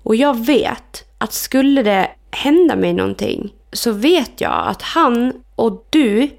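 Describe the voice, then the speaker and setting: A woman's voice: on the high side, creaky. A woman co-hosting a podcast, chatting casually and acting out quoted conversations as she tells stories. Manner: animated storytelling, acts out quoted dialogue. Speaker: podcast co-host. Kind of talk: casual chat.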